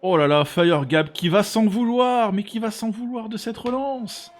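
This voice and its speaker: A middle-aged man giving excited motorsport commentary, exclaiming and repeating words for emphasis. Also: high voice, unhurried, soft background music. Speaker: esports racing league commentator.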